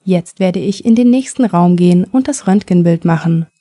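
A businesslike male radiologist, read by a woman who gives instructions in a matter-of-fact way. The voice is mellow and dry. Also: on the low side, moderate pace, no echo, natural voice.

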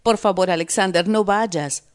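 A woman voicing a worried wife who pleads with and scolds her husband, read slowly as a story for learners. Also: medium pitch, natural voice. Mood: pleading. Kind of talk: reading a story aloud for learners.

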